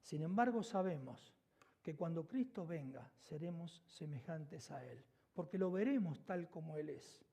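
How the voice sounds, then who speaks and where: A man with an Argentine accent preaching a sermon as pastor, moving between emphatic declarations and hushed, intimate asides. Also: on the high side, lively intonation, a little slow, vocal fry, husky. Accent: Argentine Spanish. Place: church sanctuary.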